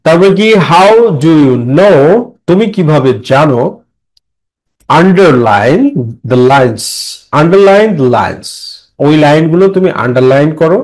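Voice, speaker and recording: A young man teaching an English lesson in Bengali, slowing down to read the English lines aloud and explaining each word. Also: on the high side, animated, a little mellow, rough recording. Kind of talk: classroom lesson explaining a textbook poem.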